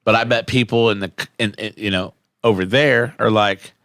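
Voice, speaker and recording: A man with a fairly low voice talks loosely on a podcast, circling back and restarting his sentences. He swears freely in a casual chat. The sound is dry and close to the mic. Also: steady tone, normal speed, vocal fry, fairly bright tone, dry recording. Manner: rambling, with frequent restarts and swearing. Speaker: podcast co-host.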